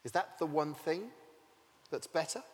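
A man's voice: on the high side, lively intonation, unhurried, in a large hall. A man preaching a sermon, telling the story vividly and asking rhetorical questions.

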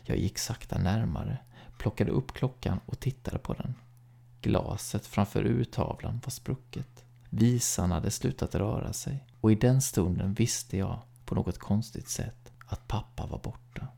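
A man reads a horror short story in a low, gravelly voice. His tone is dark and husky, and he keeps a calm, measured pace that sinks to a hush now and then.

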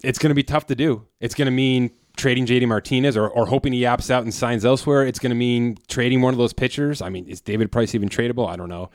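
A man on a sports podcast, giving quick, matter-of-fact analysis. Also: medium pitch, steady tone, no echo, studio quality. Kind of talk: casual sports podcast chat.

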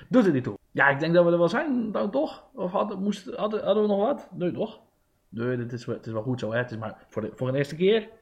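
A man hosting a casual podcast, excitable and rambling, poking fun at himself. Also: fairly high pitch, vocal fry, muffled recording. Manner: excitable and rambling, self-mocking. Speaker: podcast host.

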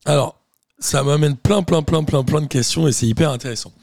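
A man hosting a casual interview podcast, chatty and relaxed, asking many questions. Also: fairly high pitch, fairly quick, gravelly, no echo. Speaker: podcast host.

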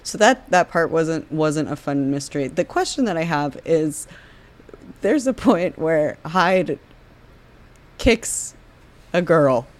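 A speaker on a movie podcast thinking out loud at length, posing questions and working through confusion. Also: medium pitch, lively intonation, takes it slowly, pauses often. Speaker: podcast co-host or guest. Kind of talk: casual movie-discussion podcast chat.

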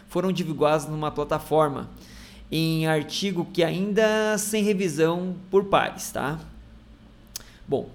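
A man reads a news article about a health study aloud, adding casual asides and restarts as he explains it. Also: on the high side.

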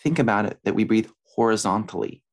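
A man with a low-pitched voice talks as a guest teacher of breathing and meditation. He explains things in an instructive, conversational way, leaning on everyday examples to make his points. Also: fairly quick. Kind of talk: explanatory interview talk.

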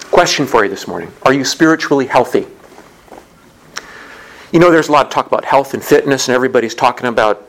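Man, pastor, workshop talk, conversational storyteller, medium pitch. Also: fairly bright tone, poor audio. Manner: conversational storyteller, asks the audience questions.

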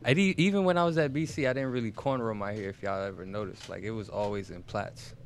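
A man's voice: on the low side, fast, creaky. A man co-hosting a podcast in laid-back, joking casual chat. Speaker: podcast co-host.

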